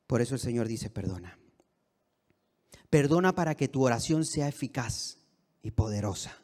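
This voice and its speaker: A man serving as co-pastor, preaching a sermon in a church with emphatic delivery that moves between soft and raised passages. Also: mid-range voice, fairly quick. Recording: reverberant church hall.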